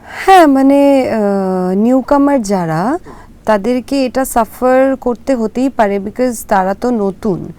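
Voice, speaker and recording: A young woman from Kolkata with a Kolkata Bengali accent, answering interview questions hesitantly, with drawn-out fillers and English words dropped in. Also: fairly high pitch, dark tone. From Kolkata, India. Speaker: actress guest.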